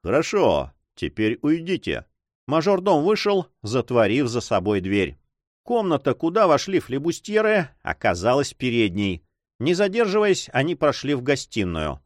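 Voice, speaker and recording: A man narrating an adventure novel in a measured, expressive reading. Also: mid-range voice, no room sound, studio quality. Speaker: audiobook narrator.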